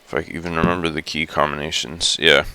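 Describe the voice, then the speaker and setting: A man with a deep, gravelly just-woken voice drawls through a casual live stream. He talks slowly and wanders, correcting himself as he goes. The sound is crisp and bright, close and dry with no room around it. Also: flat delivery, no echo. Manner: rambling, chatty, many fillers and self-corrections. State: groggy just-woken morning voice. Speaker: live streamer exploring a virtual world.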